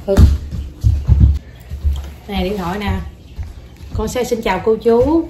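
A woman's voice: medium pitch, slow, music in the background. A woman, a mother filming a casual family vlog, coaxing and playful with her child and mixing in English phrases.

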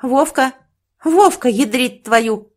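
A woman voicing a quick-tempered young village woman with a southern Russian village dialect, scolding sharply. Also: sits high, expressive, a little mellow, pitched above the performer's own voice, exaggerated voice. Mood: angry.

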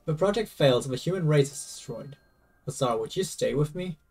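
Brief: man reading a subdued young female character, slightly raised pitch, hesitant. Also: expressive, a little fast, darkish tone, slightly rough, recorded from a distance. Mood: somber. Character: quiet, troubled young woman. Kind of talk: reading game dialogue aloud.

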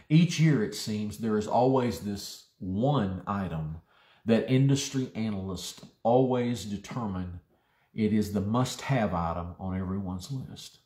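A man preaching a sermon as pastor, breaking his phrases apart with dramatic pauses for emphasis. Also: lowish voice, a little mellow. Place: church. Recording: roomy echo.

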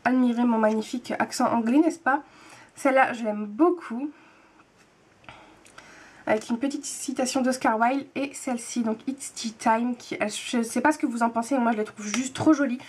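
A woman's voice: fairly high pitch, steady tone, normal speed, darkish tone, breathy edge. A young woman in her twenties chatting to camera as she unboxes a monthly tea box, gushing and repeating words for emphasis. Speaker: book and tea vlogger. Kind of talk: casual unboxing chat to camera.

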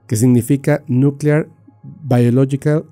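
A man with a very dark, mellow voice tells a story on a podcast. He keeps it casual and animated, leans on fillers and now and then imitates sounds with his mouth. Faint music plays underneath. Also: medium pitch, unhurried.

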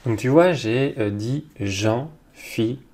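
A man teaching young children, talking slowly and patiently, with hesitant fillers. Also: lowish voice, gravelly. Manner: speaks slowly to a child, hesitant fillers, loudly claps out each word. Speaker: kindergarten teacher.

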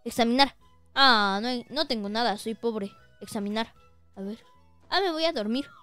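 A woman hosts a let's-play video with chatty, excitable commentary and jokes about the game. Her voice is bright and fairly high. The sound is close and dry, with faint game music underneath. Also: moderate pace. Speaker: gaming video host.

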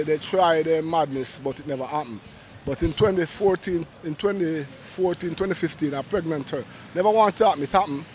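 A man's voice: on the high side, a little mellow. A middle-aged man, telling a painful personal story in a street interview, talking urgently and often restarting his phrases. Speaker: interviewee in a street vox pop. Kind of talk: emotional personal testimony. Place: busy city street outdoors. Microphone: handheld interviewer mic held close. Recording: faint street traffic behind. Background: faint traffic and street ambience.

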